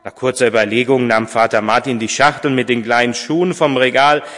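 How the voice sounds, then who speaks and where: A pastor reading a story aloud in a church service, measured and a little hesitant when speaking freely. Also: male voice, mid-range voice, fairly even intonation, fairly bright tone. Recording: long church reverb, distant mic.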